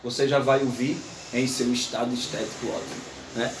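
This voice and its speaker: A man's voice: mid-range voice, brisk, roomy sound, recorded from a distance, background noise. A man giving an informal, playful lecture to an audience. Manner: animated, playful, recites verse aloud.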